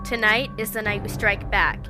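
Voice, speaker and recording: A woman's voice: mid-range voice, fairly even intonation, normal speed, natural voice. A woman playing a bold, determined young female rebel who speaks confidently and persuasively. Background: music.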